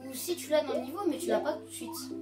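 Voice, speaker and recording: Jumpy woman gamer narrating her play in a roomy space, with loud game music running behind her. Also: high-pitched, quick pace. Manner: excitable, yelps when startled, repeats phrases to calm herself. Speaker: video game commentator. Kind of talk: casual let's-play commentary.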